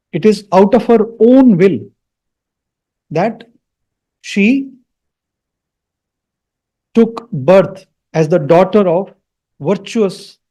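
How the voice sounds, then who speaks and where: A man's voice: high-pitched, mellow. A man teaching Sanskrit mantras, with an Indian accent, patiently repeating words and checking that listeners follow.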